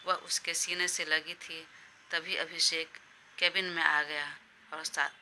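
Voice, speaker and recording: A woman narrating a romance audio story in a steady, plain way. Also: low voice, slow pace, a little hiss or hum.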